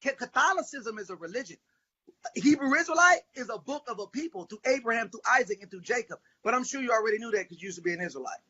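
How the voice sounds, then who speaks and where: A man arguing in a heated online debate, preachy and mocking, reading scripture slowly. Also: extremely high pitch, lively intonation, sharp tone, husky, highs cut off.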